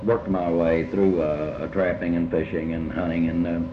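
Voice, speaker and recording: An older man recalls his early life in a reflective oral history interview, speaking in a low voice with little pitch movement. He halts often and repeats words as he rephrases. The recording is muffled, noisy and echoey.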